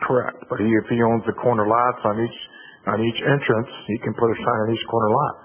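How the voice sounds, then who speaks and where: Husky guy setting the record straight at a town meeting, thin audio. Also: mid-range voice, flat delivery, a little fast, phone-quality sound. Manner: matter-of-fact, corrective. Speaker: meeting participant. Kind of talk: public meeting discussion.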